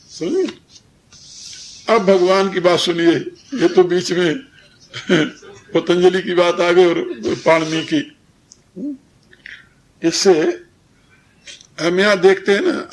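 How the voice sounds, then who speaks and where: A man teaching Sanskrit pronunciation in a devotional discourse, speaking slowly and repeating words for his listeners. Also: sits high. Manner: slow, didactic, repeats and drills words, chuckles. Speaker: spiritual teacher.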